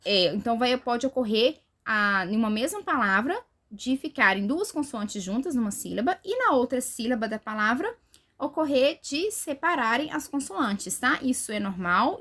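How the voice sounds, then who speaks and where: A woman teacher delivers a recorded grammar lesson with a somewhat high voice. She explains patiently, point by point, and tags most sentences with a quick "right?" to check that the class is following. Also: fairly bright tone.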